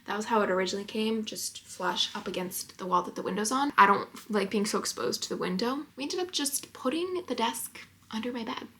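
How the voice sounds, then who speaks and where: Chatting to camera in her small apartment bedroom, an early-twenties woman rambles casually and says "like" a lot. She speaks a little fast in a fairly high, sharp-toned voice, and there's a slight hiss or hum.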